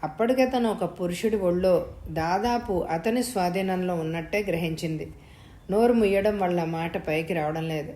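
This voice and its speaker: A woman narrating a novel episode in a calm, even storytelling manner. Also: fairly low pitch, normal speed. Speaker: audiobook narrator. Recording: roomy echo.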